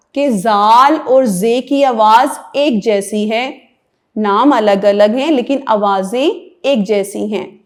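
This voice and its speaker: A woman's voice: on the high side, darkish tone. Woman teaching the alphabet, sing-song. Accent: Pakistani Urdu. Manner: slow, sing-song sounding out of letters and words; playful storytelling tone for young learners. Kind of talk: children's alphabet lesson.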